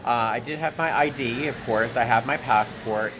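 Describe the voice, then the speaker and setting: Holding his camera at arm's length, a fatigued flight attendant vlogger chats casually to it in an airport terminal. His mid-range voice moves at normal speed, and the airport background noise comes through clearly.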